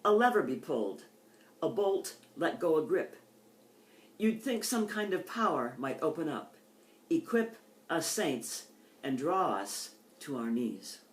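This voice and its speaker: At a poetry reading with casual introductions, an older woman speaks low and very animatedly, yet measured and deliberate, with a poet's careful phrasing. Heavy echo makes the surrounding room plainly heard.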